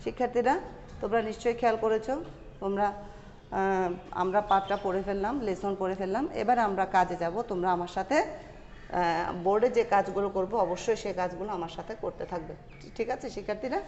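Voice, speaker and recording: A Bengali-speaking woman teacher with a Bangladeshi accent, slowly reading a passage and repeating vocabulary words for an online class. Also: mid-range voice, a little mellow, slight background noise. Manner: slow deliberate reading, repeats each word twice. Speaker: school English teacher. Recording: dull lo-fi audio in a reverberant room.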